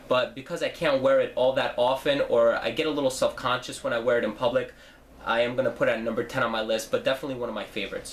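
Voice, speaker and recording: Slight background noise sits under a fairly bright, mid-range male voice. He's a young New Jersey man, stuffed up from a cold, hosting an informal fragrance review channel in a chatty style packed with fillers and self-corrections.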